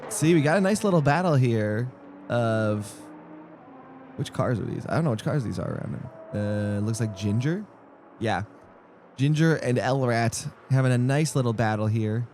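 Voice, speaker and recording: A man's voice: medium pitch, expressive, moderate pace, darkish tone, slight background noise. A young man rambling through casual live-stream commentary on a sim race, jokey and easily distracted. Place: home streaming setup.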